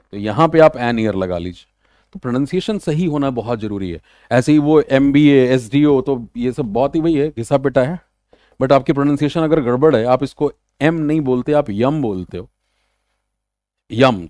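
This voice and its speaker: A man teaching an exam-prep English grammar lesson, explaining casually and slipping into slow, deliberate English. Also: medium pitch, warm tone, no echo.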